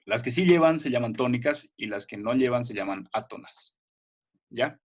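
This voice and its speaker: A man's voice: medium pitch, expressive, normal speed. Patient male teacher checking understanding. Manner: patient, checks in often with short questions. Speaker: primary school language teacher. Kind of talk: online class explanation.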